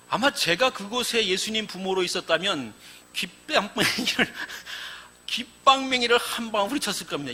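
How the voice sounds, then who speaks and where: Male pastor, sermon, very high and bright voice, vivid storyteller who acts out the quotes. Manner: animated storytelling, acting out quoted lines.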